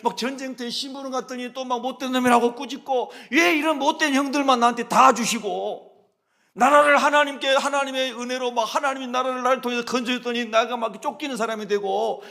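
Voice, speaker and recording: A pastor voicing a young man who pleads with God and laments his hard life, shouting his questions. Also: very high-pitched, steady tone, a little fast, gravelly, pitched above the performer's own voice, exaggerated voice. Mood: anguished pleading.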